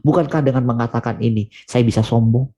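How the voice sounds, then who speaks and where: A man preaching a sermon over a video call, earnest and emphatic, rising to urgent questions and then dropping low and quiet. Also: brisk.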